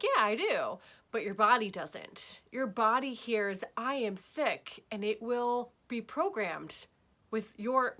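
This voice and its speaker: Woman talking healing stuff, bright voice, keeps saying okay? right?, kinda high. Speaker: healing arts teacher. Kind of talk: casual spiritual talk.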